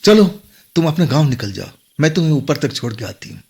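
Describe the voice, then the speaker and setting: A man voicing a young female ghost girl who keeps pleading and warning, in a husky voice lifted higher than his own. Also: sing-song, brisk, darkish tone, exaggerated voice. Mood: urgent pleading.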